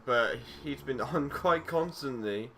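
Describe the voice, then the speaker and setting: A man's voice: mid-range voice, slow pace. A young man casually narrating a game, rambling and easygoing with frequent fillers and self-corrections. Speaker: gaming YouTuber. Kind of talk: casual let's-play commentary. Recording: loud background noise with game clicks.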